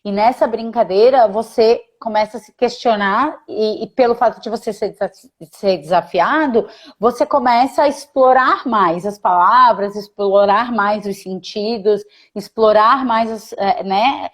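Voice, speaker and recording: A woman's voice: mid-range voice, measured pace, hardly any pauses. A woman guest in a casual live conversation, enthusiastic and explanatory.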